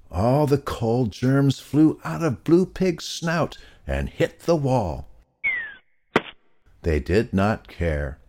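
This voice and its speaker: Low, slow, expressive male storyteller. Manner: slow, expressive storyteller delivery, swooping pitch. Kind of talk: children's story reading.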